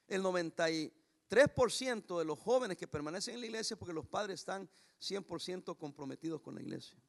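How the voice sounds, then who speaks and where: A male pastor preaching with a high, gravelly voice. He talks emphatically, often raising his voice, and slows right down to read scripture word by word. The delivery is a full sermon. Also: lively intonation.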